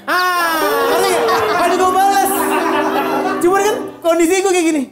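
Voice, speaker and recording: A young woman, an actress telling animated stories in casual chat, laughing and swearing freely. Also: extremely high pitch, normal speed, music in the background, a crowd in the background. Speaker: actress and social media personality.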